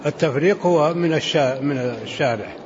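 Sheikh teaching, slow and explanatory, goes soft on asides, dull lo-fi tape w/ slight hiss. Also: male voice, fairly high pitch. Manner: unhurried, explanatory, drops into softer asides. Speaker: sheikh commenting on a fiqh text. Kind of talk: religious lesson commentary. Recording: muffled lo-fi recording with faint hiss.

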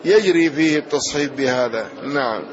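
A man teaching a hadith lesson, explaining each point in a measured way and often pausing on "na'am". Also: fairly high pitch. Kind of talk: slow explanatory lesson commentary. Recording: dull lo-fi recording.

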